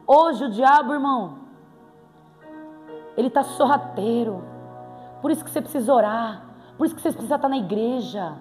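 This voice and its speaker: Woman preaching w brazilian accent, high pitched, animated and jokey, long echo from the hall. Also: normal speed, pauses often. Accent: Brazilian Portuguese. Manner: playful, animated, bursts into exclamations. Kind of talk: sermon. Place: church hall. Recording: reverberant hall with faint music.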